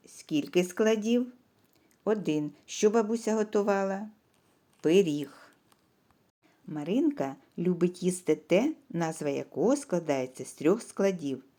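Slow, patient woman teaching young children. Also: on the low side, dark tone. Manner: patient, asks questions and leaves pauses for answers; stretches and stresses words syllable by syllable.

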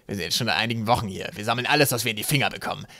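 A man voicing a loyal, gruff male flathead sailor who speaks plainly. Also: fairly low pitch, rapid-fire, no room sound.

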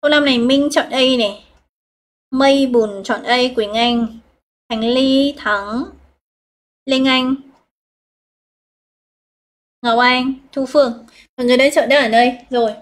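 A woman's voice: sits high, fairly even intonation. A woman with a Northern Vietnamese accent teaching a live online English exam review, explaining step by step and reading out students' answers. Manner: explains step by step, reads out students' answers, drawn-out key words.

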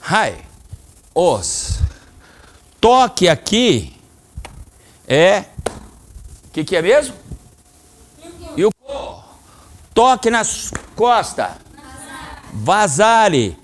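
A middle-aged man with a Brazilian Portuguese accent coaches a children's karate class. His voice is fairly high for a man and swings widely in pitch. He talks slowly and lays out each step with care. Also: slight background noise. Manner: lively, coaching commands to children. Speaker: karate instructor. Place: training hall, indoors.

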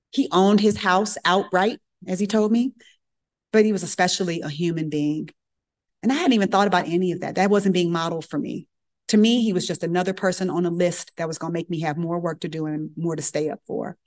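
A middle-aged woman physician giving a lecture as a lively, colloquial personal story, acting out the voices she quotes. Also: medium pitch.

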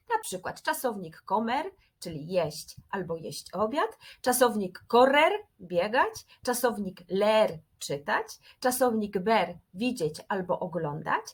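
Husky woman teaching with a lively voice. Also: medium pitch. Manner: clear, methodical, repeats patterns. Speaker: Spanish teacher. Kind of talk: scripted grammar lesson.

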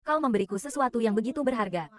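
A woman's voice: a little high, expressive, rapid-fire. A woman dubbing a short drama, voicing all the roles in her own everyday voice. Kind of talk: dubbed short drama dialogue.

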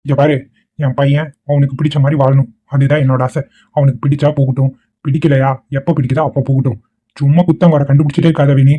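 A man voicing an easygoing middle-aged father who teases his wife and lectures her calmly. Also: medium pitch, fast talker, natural voice. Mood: teasing. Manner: calm, teasing, lecturing.

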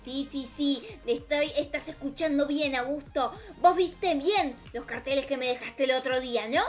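High-pitched, melodramatic Argentine woman. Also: moderate pace. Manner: theatrical, melodramatic, talks to viewers and self. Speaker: gaming video host. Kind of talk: improvised role-play commentary over gameplay. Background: music.

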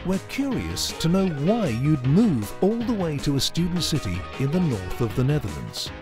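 A woman interviewer asking scripted questions in voice-over with a bright manner. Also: low-pitched, moderate pace. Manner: bright, very lively intonation. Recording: background music under the voice.

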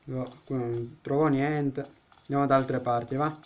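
A man's voice: mid-range voice, fairly even intonation, measured pace, highs cut off, slight background noise. A man giving let's-play commentary on a horror game as a gaming YouTuber, joking, chatting with the game characters and blurting out startled exclamations.

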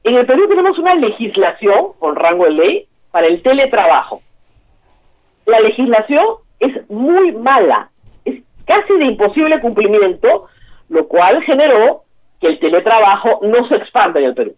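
A woman's voice: fairly high pitch, sing-song, moderate pace. A woman from Peru hosting a political talk show, giving emphatic, opinionated commentary and repeating key words for stress. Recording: tinny phone line.

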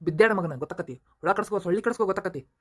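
A voice actor playing a police constable in a cartoon, obedient to his boss and loud and rough with the prisoner. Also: medium pitch, lively intonation, racing. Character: quick-talking male police constable.

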